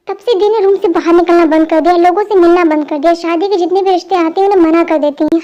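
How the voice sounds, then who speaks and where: A high-voiced performer voicing a spirited young wife, bossy and teasing, in a fan dub drama, with a scolding, insistent way of talking. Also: female voice, dark tone, highs cut off.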